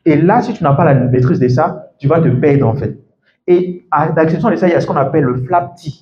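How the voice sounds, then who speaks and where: A man's voice: on the high side, fairly quick. A man coaching a group on English pronunciation in casual French, dropping fillers and modelling English words aloud. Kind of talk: live talk to a group. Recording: echoey room, dull lo-fi sound.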